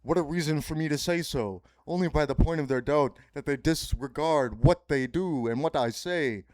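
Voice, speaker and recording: A podcast host alone at the mic, his voice a little high and a little mellow at a normal pace, spins a grandiose, pseudo-philosophical ramble that loops through the same phrases and abruptly turns profane. No echo is present.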